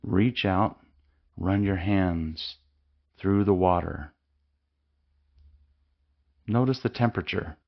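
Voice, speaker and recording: Slow, calm and soothing, a low-voiced man talks listeners through a guided mindfulness meditation with long pauses between instructions. The highs in the recording are cut off.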